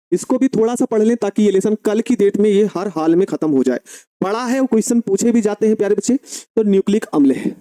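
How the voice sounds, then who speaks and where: A man teaching an online chemistry class, fondly calling students dear children and slowly dictating notes with repeated phrases. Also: high-pitched, dark tone, no echo.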